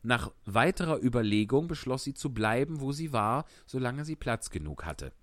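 A man's voice: medium pitch, expressive, normal speed, no room sound. A man reading a story aloud, narrating it expressively. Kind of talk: audiobook reading.

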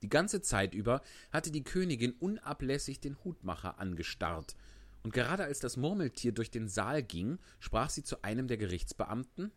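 A man narrating a storybook reading in a lively, expressive way. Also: medium pitch, moderate pace, no echo.

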